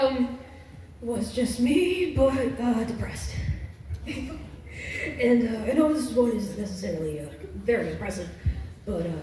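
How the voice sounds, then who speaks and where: A woman's voice: high-pitched, a little mellow, slight background noise. A young woman, a college student, chatting and giggling on stage as she shows off her voices, heard in an echoey hall from far off. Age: young adult. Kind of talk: live on-stage voice act.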